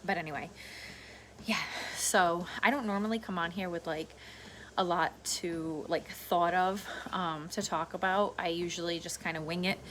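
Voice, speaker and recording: A middle-aged woman with a slightly low voice talks off the cuff in a casual vlog. She meanders and circles back over her points in an informal way, with noticeable background noise behind her. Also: moderate pace. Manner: informal, meandering, repeats herself. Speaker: vlogger. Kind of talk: casual rambling solo vlog chat. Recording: clear steady background noise.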